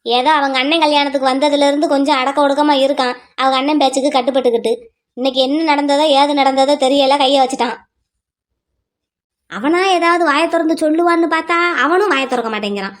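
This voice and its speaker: A woman voicing a middle-aged village sister-in-law in a cartoon drama who scolds and lectures in long exasperated runs. The voice is high and firm. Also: steady tone, fast, close to an everyday voice. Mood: scolding. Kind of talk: cartoon voice acting.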